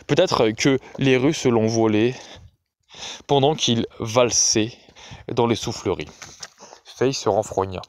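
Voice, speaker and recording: A man reading a novel aloud in a measured, expressive way. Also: medium pitch, dry recording. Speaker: audiobook reader.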